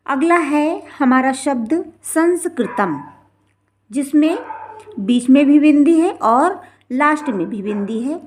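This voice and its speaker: A woman teacher explaining the lesson slowly and carefully, repeating each example word with drawn-out pronunciation. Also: sits high, expressive, darkish tone, slight background noise. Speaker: Sanskrit teacher. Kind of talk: classroom-style explanation.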